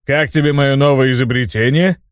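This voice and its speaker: A man's voice: mid-range voice, fairly even intonation, brisk, no room sound, studio quality, natural voice. A man reading an audiobook voices a scheming old mage who mocks and threatens in a hissing, self-satisfied way. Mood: smug. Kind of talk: audiobook character voice.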